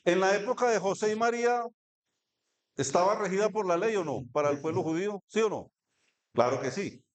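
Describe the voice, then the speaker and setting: Preaching in an echoey church hall, a man with a Colombian Spanish accent speaks fairly quickly in a high-sitting voice. He reads scripture aloud and asks the congregation questions.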